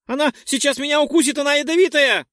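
A man voicing a hysterical young man who yells in panic. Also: extremely high pitch, fast talker, dry recording, clean studio sound, voice pushed up. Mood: panicked. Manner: shrieking, frantic yelling.

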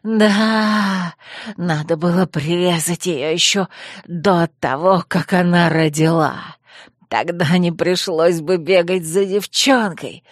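A woman voicing a deranged, murderous man who giggles and drools, speaking in slow, drawn-out ravings in an audiobook. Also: lowish voice, no room sound, clean studio sound. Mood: hateful. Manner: slow, sing-song ravings. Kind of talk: audiobook character voice.

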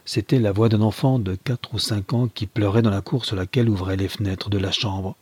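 A man reads a classic novel aloud in a measured, steady narration. His voice is low and husky, and the recording is dry and close with no room echo. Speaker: audiobook reader.

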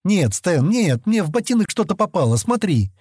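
A man voicing an eager, proud young woman pilot who talks in quick exclamations in an audiobook reading. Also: high voice, sing-song, a little mellow, husky, dry recording, clean studio sound, pitched above the performer's own voice, exaggerated voice. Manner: hurried, exclaiming.

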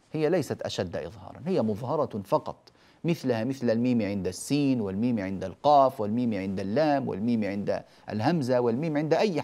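Man slowly teaching Quran recitation. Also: mid-range voice, a little mellow. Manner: slow, deliberate enunciation of examples, then explains; corrects common errors firmly. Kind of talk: televised tajweed lesson.

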